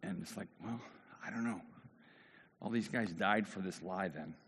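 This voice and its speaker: Casual preacher in a reverberant hall. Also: male voice, low voice, normal speed, slightly rough. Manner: casual, animated storytelling, self-interrupting. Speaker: pastor. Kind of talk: conversational sermon.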